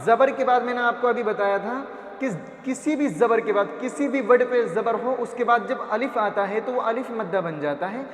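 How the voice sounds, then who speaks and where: High pitched guy teaching quran reading, sounds out syllables over and over, stretches vowels, echoey room. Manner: drills syllables, asks and answers his own questions; stretches long vowels slowly. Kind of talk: patient step-by-step phonics lesson.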